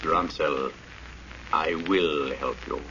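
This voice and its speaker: An actor playing an unseen avenger in a 1940s radio drama, speaking as a calm, commanding, mysterious voice from the shadows. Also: male voice, very deep voice, exaggerated voice. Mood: stern, measured. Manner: calm, measured, commanding, probing. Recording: muffled, noisy old radio recording.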